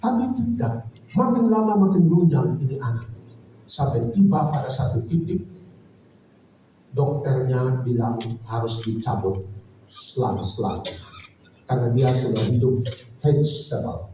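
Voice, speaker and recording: A male pastor preaches, telling a personal story in an earnest, reflective way. His voice is deep, dark and mellow. It comes from some way off the mic and rings through a very echoey hall over faint ambience. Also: animated, a little slow, pauses often, distant mic, slight background noise.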